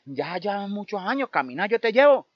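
Man doing Death, loud and frantic. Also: high-pitched, very animated, normal speed, lo-fi sound, pitched above the performer's own voice. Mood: cold. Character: Death, scythe-bearing, cold then frantic.

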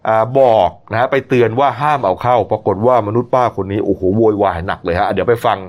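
A man's voice: fairly low pitch, quick pace, dull audio. A man hosting a news show, commenting on stories in a chatty, opinionated way. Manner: chatty, opinionated, lots of polite particles.

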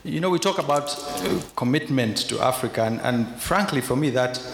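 Man from uganda on a conference panel, frank and blunt, lots of restarts, echoey hall with long reverb. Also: medium pitch. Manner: candid, frank, argumentative with restarts. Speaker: panelist, investor. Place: large conference hall with audience. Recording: echoey hall, faint noise.

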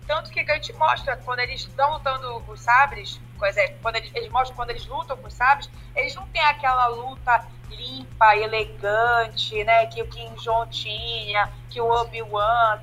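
A woman with a bright, forceful voice sitting a little high in pitch. She talks in a loose podcast chat, animated and critical, dropping casual fillers as she builds her point. Faint music sits underneath. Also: poor audio. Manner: animated and critical, with frequent fillers like 'né' and 'cara'. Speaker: podcast co-host.

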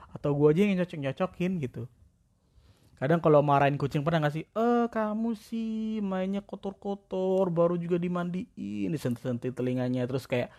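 A man's voice: medium pitch, darkish tone. A young man with chatting casually in a self-deprecating monologue. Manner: chatty, slangy, self-deprecating, mimics cat-talk voices.

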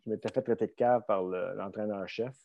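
A middle-aged man with a Québécois French accent, a strength coach guest, rambles through stories of his coaching career. His lowish voice has vocal fry and fairly even intonation, moving briskly over lo-fi sound, and he's blunt and casual, with many fillers and restarts.

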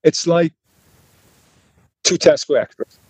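Excitable brit guy on a podcast, bit breathy, laughs a lot. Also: fairly high pitch, slow pace, no room sound, low-quality recording. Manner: excitable storyteller, laughs often, swears casually. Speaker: podcast co-host. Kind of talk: casual chat.

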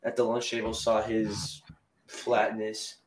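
A teenage boy chatting casually with friends over an online call, loud and teasing, laughing often. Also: fairly low pitch, monotone, slow, rough recording.

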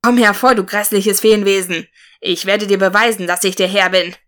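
A woman's voice: mid-range voice, steady tone, normal speed, a bit bright, close to an everyday voice. Brave male forest warrior, earnest and solemn, storybook hero, read by a woman. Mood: commanding.

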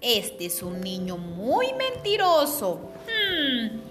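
A woman's voice: a little high, wildly swooping pitch, very slow, exaggerated voice. A woman voicing a hungry, sly male wolf in a children's story, with lip-smacking hums. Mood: scheming. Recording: echoey room with music behind.

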